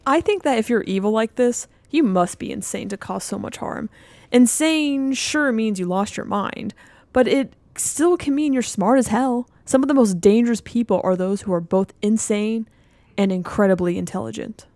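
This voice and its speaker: A woman's voice: a little high, animated, normal speed, darkish tone, no echo. A woman giving casual, enthusiastic fan commentary as a video host reacting to game audio.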